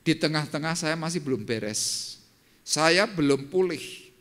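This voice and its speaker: An older man, a pastor, preaching a sermon and telling his own testimony, dropping to low murmurs and rising to loud, high exclamations. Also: expressive, a little slow. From Indonesia. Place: church service.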